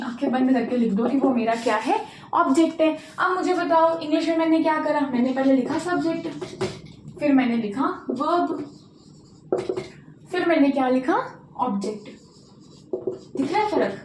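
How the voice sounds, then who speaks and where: High-voiced woman teaching in an echoey room. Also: darkish tone. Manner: drills students with repeated questions and answers. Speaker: English teacher. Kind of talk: classroom-style spoken lesson. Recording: echoey room with faint noise.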